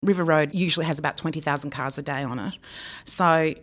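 Chatty woman, low voice. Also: fast talker. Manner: chatty, upbeat gossip about local news. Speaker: local news podcast co-host. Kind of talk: casual chat.

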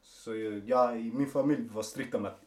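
Easygoing young man, mid-pitched. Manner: relaxed, self-mocking anecdotes. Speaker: podcast co-host. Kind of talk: casual chat.

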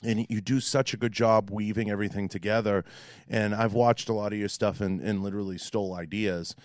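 Boston-accented man with clear, lowish voice. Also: fairly even intonation, a little fast, no echo, studio quality. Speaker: podcast interviewer. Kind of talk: casual interview chat with swearing.

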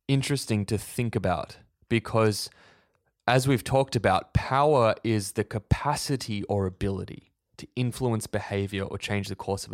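A man with a fairly low voice co-hosts a faith discussion podcast, laying out his points in an earnest, preachy way. The sound is dry and close. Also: dry recording. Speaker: podcast co-host.

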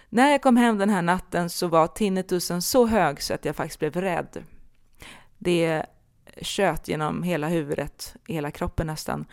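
Woman hosting a podcast, lowish voice, talks candid and thoughtful, lots of little pauses. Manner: candid, reflective, with frequent hesitations. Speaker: podcast host and medium. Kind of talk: personal podcast monologue.

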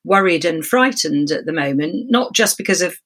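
Croaky, hoarse middle-aged woman. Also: low voice, lively intonation, normal speed, fairly bright tone. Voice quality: croaky, frog-in-the-throat voice. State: hoarse after illness. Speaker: podcast guest. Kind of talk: casual chat.

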